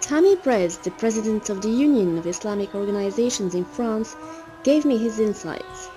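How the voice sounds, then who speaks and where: Female documentary narrator, measured scripted read, music bed behind. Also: mid-range voice, expressive. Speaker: documentary presenter.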